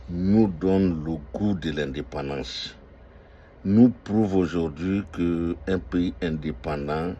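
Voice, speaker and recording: A man's voice: sits low, darkish tone, a little hiss or hum. An older man who owns restaurants, giving an impassioned political monologue full of emphatic, repeated declarations and hesitant fillers. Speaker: restaurant owner speaking out on politics.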